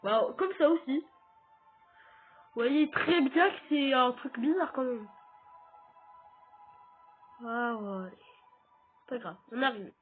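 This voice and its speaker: A man's voice: very high-pitched, takes it slowly, pauses often, soft background music. A man with a French accent giving casual let's-play commentary, chatting straight to his viewers as he plays. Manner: chatty, talks straight to viewers while playing. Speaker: gaming YouTuber. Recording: tinny phone-like audio.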